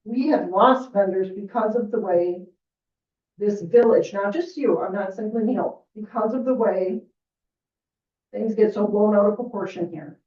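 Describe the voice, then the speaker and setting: A woman's voice: medium pitch, unhurried, dark tone, recorded from a distance. Woman, village staff member, firm, earnest, roomy echo, dull meeting audio. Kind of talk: public meeting statement. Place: village board meeting room.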